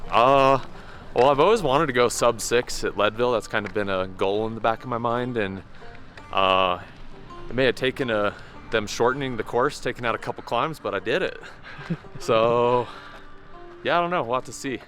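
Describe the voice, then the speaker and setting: Speaking at medium pitch and normal speed, the man has a fairly bright tone, with faint music in the background. He's a vlog host and pro mountain biker casually recapping a race outside, a little breathless. His delivery is easygoing and self-mocking, packed with fillers.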